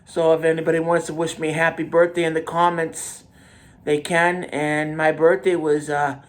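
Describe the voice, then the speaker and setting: A man of forty hosting his own podcast, talking in a halting, repetitive way with many restarts and fillers. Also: on the high side, little pitch movement. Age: 40s. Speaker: podcast host. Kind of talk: casual monologue.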